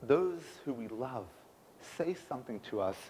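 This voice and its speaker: Animated rabbi preaching in an echoey hall. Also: male voice, medium pitch, a little slow, slight background noise. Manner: animated, emphatic preaching with rhetorical questions. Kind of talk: sermon. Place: synagogue sanctuary.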